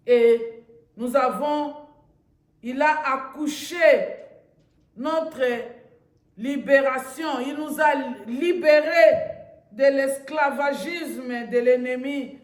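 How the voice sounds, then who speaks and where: A woman pastor delivering an emphatic, repetitive sermon that bursts into shouts at times. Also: high voice. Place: church. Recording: echoey church hall.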